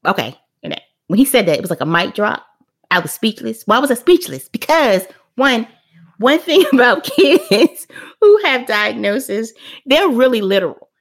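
A middle-aged woman hosting a parenting podcast, telling a family story in a casual, animated way, acting out the quotes and laughing often. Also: on the high side, moderate pace.

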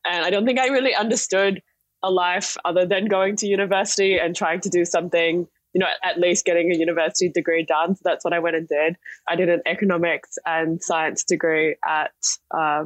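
In a dry recording, a young adult woman with a lowish voice chats about her life as a podcast interview guest. She runs a startup as its chief executive and comes from Singapore, partly Australia.

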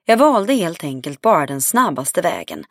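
A woman narrating a first-person audiobook in a calm, even storytelling read. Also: on the low side, dry recording, studio quality.

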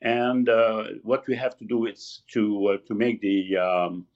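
A man in his sixties from Lebanon, talks as an interview guest, pausing often and searching for words. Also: fairly low pitch. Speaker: magazine founder, guest. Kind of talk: casual interview talk. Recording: slightly dull lo-fi audio.

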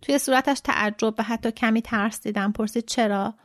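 Calm woman narrating a novel. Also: a little high, dry recording, studio quality. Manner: calm, measured reading. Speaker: translator and reader. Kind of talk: literary audiobook narration.

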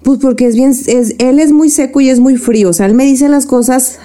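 Mellow-voiced Mexican woman venting candidly. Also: high-pitched, moderate pace. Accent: Mexican Spanish. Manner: candid, swears freely, vents with feeling. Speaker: podcast co-host. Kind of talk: casual chat.

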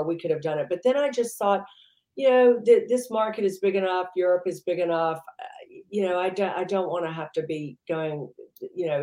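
Business lady rambling in an interview, lots of you know, lowish voice, echoey room. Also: warm tone. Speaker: entrepreneur guest. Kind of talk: casual interview chat.

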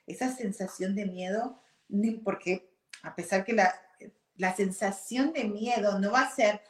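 A woman's voice: mid-range voice, measured pace. Candid woman in her forties, roomy echo. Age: 40s. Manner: candid, animated, mixes in English words. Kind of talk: reflective personal monologue.

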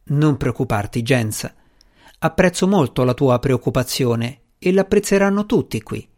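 A man voicing a calm, evasive male government official who speaks in a smooth, polite, measured way. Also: medium pitch, natural voice.

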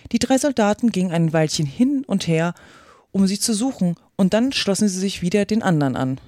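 A woman reads a classic storybook aloud for her podcast in a steady, expressive voice of medium pitch. The recording is dry and close. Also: fairly quick, no room sound. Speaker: podcast host reading aloud.

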